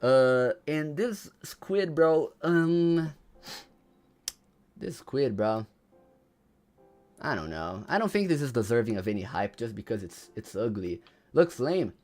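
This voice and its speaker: A man's voice: medium pitch, sing-song, slow, long pauses, darkish tone, soft background music. A man livestreaming casually. He says "bro" and "you know" all the time, repeats his lines, and reads chat messages aloud before answering them. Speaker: livestreamer ranking game items.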